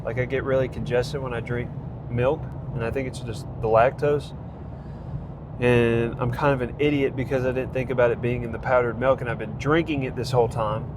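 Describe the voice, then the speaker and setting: Fairly quick and fairly even in intonation, a man's mid-range, congested voice carries a rambling vlog update about the training program he's tracking. The talk is casual and riddled with fillers and restarts, recorded outdoors with lots of noise.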